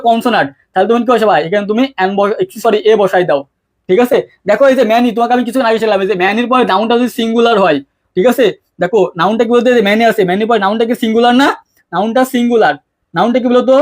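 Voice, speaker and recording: Fast, high-voiced male tutor quizzing students. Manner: quick-talking, keeps asking students questions; colloquial, mixes English terms into speech. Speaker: English tutor. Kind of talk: online exam-prep lesson.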